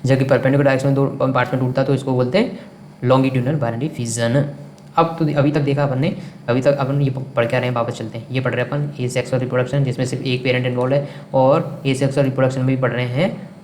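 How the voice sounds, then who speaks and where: A man's voice: medium pitch, level tone, fast, darkish tone. A man teaching a science lesson who keeps asking questions and answering them himself, and repeats the key terms. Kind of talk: classroom science lecture. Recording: echoey room with faint background noise.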